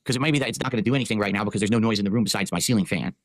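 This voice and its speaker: A man live-streaming while testing his microphone, talking through a noise removal filter that makes his voice sound fuzzy. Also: fairly low pitch. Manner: rapid, explains settings step by step. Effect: noise removal filter making the voice sound fuzzy. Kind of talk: casual live-stream chat. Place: home room with a ceiling fan. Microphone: desk mic very close to his mouth.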